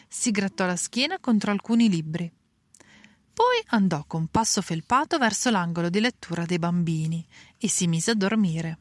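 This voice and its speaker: A woman reading a children's story aloud slowly and clearly. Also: lowish voice, no room sound. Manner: slow, clear reading with voices for characters.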